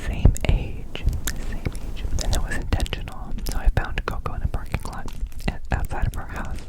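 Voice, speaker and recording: Male ASMR host, fully whispered and unvoiced, rambling with soft repetition of words. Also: moderate pace, low-quality recording. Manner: softly repeats words and phrases.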